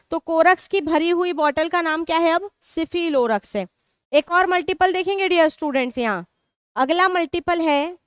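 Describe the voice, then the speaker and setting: A woman's voice: extremely high pitch, no echo, studio quality. A woman teaching a live online exam-prep class, mixing in English terms and asking students questions she answers herself. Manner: mixes Hindi with English terms.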